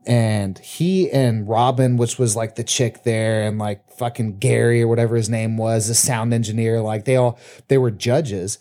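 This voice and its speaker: A man in casual podcast chat, rambling and profane, with halting restarts. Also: mid-range voice, fairly even intonation, dark tone. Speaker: podcast co-host.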